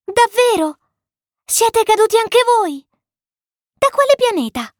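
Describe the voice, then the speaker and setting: A woman voicing a tiny, curious, cheerful alien boy prince in a storybook reading, with a high, excited, childlike manner. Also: measured pace, no room sound, studio quality, full character voice. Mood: eager childlike.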